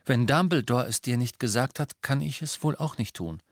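A man's voice: medium pitch, normal speed, no echo, clean studio sound, voice pushed up, lightly acted. A man reading an audiobook and voicing a blunt, stubborn young male wizard who speaks firmly and directly.

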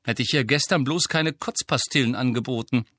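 A man's voice: medium pitch, fairly quick, pushed and bright, no room sound. A man voicing a mischievous teenage prankster who talks slyly out of the side of his mouth, in an audiobook.

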